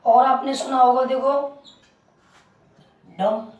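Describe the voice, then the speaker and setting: A woman's voice: on the high side, measured pace, warm tone. A woman teaching English word pronunciation as a lesson, repeating words and asking the class questions. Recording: roomy, distant mic.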